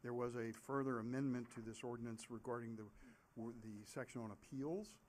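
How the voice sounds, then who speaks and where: A man's voice: mid-range voice, steady tone, a little fast. A man speaking as an applicant's representative in a formal exchange at a public meeting.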